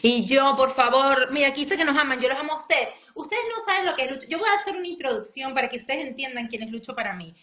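Woman, high voice, gushing, casual live-stream chat, video call. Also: fast talker, few pauses, sharp tone. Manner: effusive and gushing.

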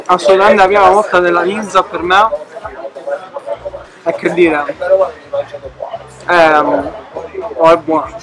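A man with a high voice talks through a full mouth as he tries a dish. His remarks come out short and halting between bites. Clear background music runs under him. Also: little pitch movement, poor audio. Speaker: co-host food taster. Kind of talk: casual food vlog chat.

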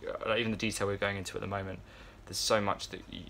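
A gravelly, fairly low, slightly bright male voice races along in a flat delivery. The speaker, a man in his twenties, is chatting casually to a phone camera at arm's length for a vlog, rambling with fillers and restarts in an indoor yacht crew area with a fan nearby. A little hiss or hum can be heard.

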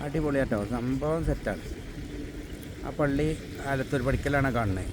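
A man's voice: medium pitch, normal speed. A man with a Malabar Malayalam accent gives casual, enthusiastic travel vlog commentary, mixing English words into slangy Malayalam and repeating his exclamations. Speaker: travel vlogger. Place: outdoors at a windy hilltop viewpoint at night. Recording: loud windy outdoor noise.

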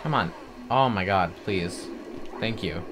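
Groaning and pleading at the video game he's playing, a gaming commentator keeps up casual, self-deprecating let's-play commentary over faint game music. His voice sits low, with lively intonation and a slow delivery.

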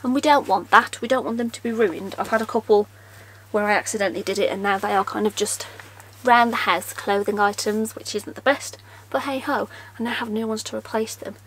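Despite poor audio, a young woman's mid-range, fairly bright, slightly rough voice comes through, moving a little fast. She's vlogging a haul in a room lined with backpack shelves, chatty and self-deprecating, asking herself questions and laughing at her forgetfulness.

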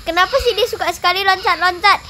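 A performer voicing an excitable young game character in a role-play, crying out in frantic panic. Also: very high voice, fast, noisy background. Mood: panicky.

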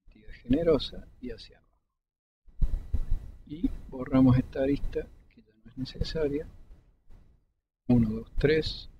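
A man, calmly explaining each step of a 3D modeling tutorial over a screen recording, pausing between clicks. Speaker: 3D modeling instructor. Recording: dull lo-fi desktop mic with faint rumble.

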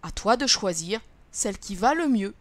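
A woman, a first-grade teacher, gives a reading lesson to young children, sounding out letters and syllables slowly and clearly. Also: medium pitch, lively intonation, dry recording.

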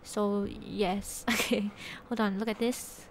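In a medium-pitched, level voice, a young Singaporean woman talks slowly to her Twitch audience, and a little hiss or hum sits under the sound. She speaks Singaporean-accented English from a small indoor bedroom, using a desk microphone with a headset. Her casual chat is full of giggles and sentences that trail away.

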